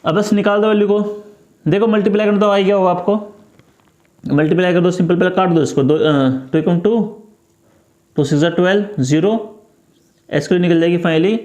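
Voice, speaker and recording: Male tutor, high-pitched, patient step-by-step explainer, echoey room. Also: steady tone, moderate pace, pauses often, darkish tone. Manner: repetitive, coaxing, talks through each step. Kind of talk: step-by-step math lesson.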